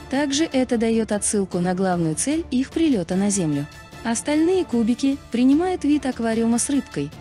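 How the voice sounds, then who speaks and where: A woman narrates a video in scripted, documentary style, her voice mellow, lively and on the high side. Background music plays behind her.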